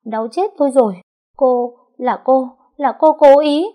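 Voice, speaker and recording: A woman's voice: mid-range voice, normal speed, mellow, pitched above the performer's own voice, lightly acted. A woman voicing a sly young woman who whines and sobs to win sympathy. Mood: whining. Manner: whiny, sobbing pleading. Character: young rival woman, whiny, sly, crocodile tears.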